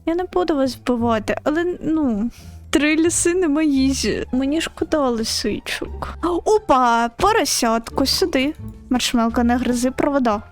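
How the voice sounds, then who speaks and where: A woman's voice: high-pitched, expressive, moderate pace, soft background music. A young woman streaming a game, chatting casually and squealing and laughing when she gets scared. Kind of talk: casual gaming commentary.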